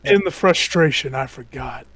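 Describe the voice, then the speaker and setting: A player in a tabletop game who talks slowly and giggles a lot. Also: medium pitch, lively intonation, over a noisy crowd. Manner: slow, giggly. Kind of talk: casual tabletop play.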